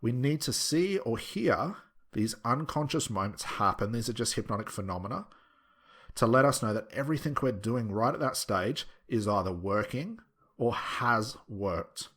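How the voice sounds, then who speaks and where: A man's voice: medium pitch, lively intonation, normal speed, fairly bright tone, slightly rough. A man giving an instructional lecture in a conversational, explanatory style, stressing and repeating his key points as a teacher does. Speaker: hypnosis instructor.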